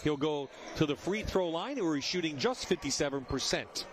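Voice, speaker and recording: A man calling a live college basketball game play-by-play, brisk and raising his voice on big plays. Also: a little high, animated. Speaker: play-by-play announcer. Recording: loud arena noise behind. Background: gym crowd and ball bounces.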